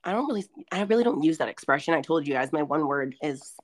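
A woman's voice: deep voice, expressive, quick pace. A woman in her twenties co-hosting a podcast, chatting casually with lots of fillers as she tells stories. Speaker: podcast co-host. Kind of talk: casual chat.

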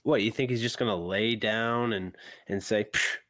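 A man co-hosting a podcast, chatting about sports in a teasing way, with quick bursts and repeated words. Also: fairly low pitch, fairly even intonation, a bit bright, no echo. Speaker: podcast co-host. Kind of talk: casual sports chat.

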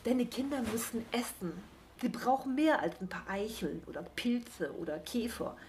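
A woman's voice: fairly high pitch, lively intonation, moderate pace, a little mellow, slight background noise. Woman doing a lisping cheeky hedgehog. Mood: lecturing. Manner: nagging, bluntly lecturing. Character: pushy, blunt, cheeky male hedgehog.

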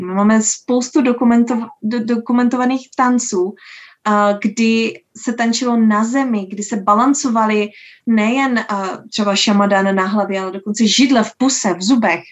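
A woman who teaches dance, answering interview questions in a slow, thoughtful way with many filler sounds. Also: on the high side, fairly even intonation. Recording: dull lo-fi sound.

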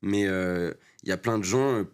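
A young rapper in his twenties, short on sleep, chats in a casual interview with a low, clear, resonant voice at normal speed. His manner is laid-back, full of street slang and fillers.

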